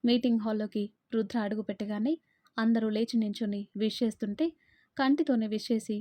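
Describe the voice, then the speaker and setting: A woman narrating a romance story, voicing the lovers' banter herself in a lively way. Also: on the high side, fairly quick, no echo. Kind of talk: dramatic story reading. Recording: dull, muffled dry recording.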